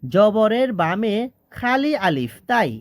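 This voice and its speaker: Slow Quran teacher spelling syllables, dry close sound. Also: mid-range voice, sing-song, no echo. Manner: spells each syllable, then draws out the recited word. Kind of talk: slow letter-by-letter spelling lesson with chanted recitation.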